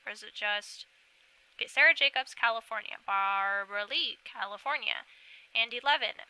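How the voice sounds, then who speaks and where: A young woman streaming live, chatting casually into a desk mic, reading names aloud and thinking out loud about each one. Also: a little high, moderate pace, clean tone, poor audio. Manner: chatty, thinks aloud, reads a list of names and checks her pronunciation. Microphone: desk microphone.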